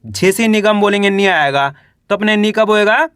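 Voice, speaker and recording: A man's voice: high voice, moderate pace, a bit bright, clear, resonant tone, no room sound, studio quality. A young man teaching a Hindi reading lesson, spelling out words syllable by syllable and quizzing the viewers.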